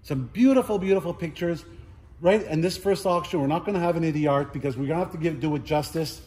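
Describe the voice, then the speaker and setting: A middle-aged man giving a casual walking tour of a large warehouse as an auctioneer, chatty and playful, listing items in quick repeats. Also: fairly high pitch, mellow. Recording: roomy warehouse echo, faint background noise.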